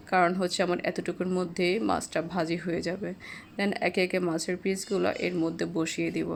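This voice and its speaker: Woman calmly walking through a recipe. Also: mid-range voice, a little hiss or hum. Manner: steady step-by-step explaining, mixes English fillers. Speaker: cooking channel host. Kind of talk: voice-over cooking tutorial.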